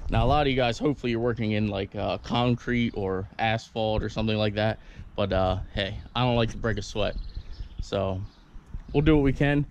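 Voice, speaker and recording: A man's voice: mid-range voice, a little mellow, a little hiss or hum. A man giving casual how-to commentary while working on a car outdoors, laid-back and chatty with plenty of fillers. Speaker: car vlogger. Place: outdoors on gravel by an engine hoist.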